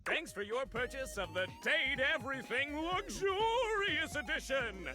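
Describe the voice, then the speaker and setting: High, chirpy customer service salesman. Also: very animated, a little slow, full character voice. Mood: chirpy, salesy. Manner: bright, over-cheerful customer service voice. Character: cheery armored male loot salesman pitching purchases. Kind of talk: video game character acting. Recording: game audio with background music.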